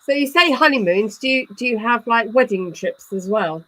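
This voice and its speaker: A woman's voice: on the high side, lively intonation, moderate pace, fairly bright tone, poor audio. A woman hosting a live-streamed interview, reacting enthusiastically and praising her guests' answers. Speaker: host.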